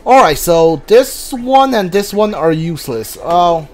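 With a mid-range voice and big swings in pitch, a gamer halts and mutters to themselves while casually narrating a playthrough, thinking out loud as they go.

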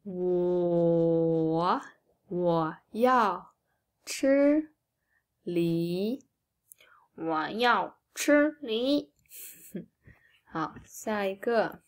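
Very slow, patient woman teacher. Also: on the low side, animated. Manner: patient and encouraging, with soft whispered prompts. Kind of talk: reading a picture book to young learners.

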